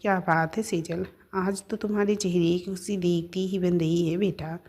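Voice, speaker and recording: Narrator reads a fond middle-aged mother, gently teasing, lower pitch. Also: steady tone, normal speed, slightly rough.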